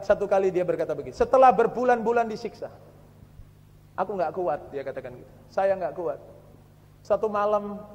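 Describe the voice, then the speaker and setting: High-voiced preacher in an echoey church. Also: male voice. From Indonesia. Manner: dramatic preaching, swings from hushed to shouting. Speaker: pastor. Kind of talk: sermon. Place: large church hall. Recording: echoey church hall recording.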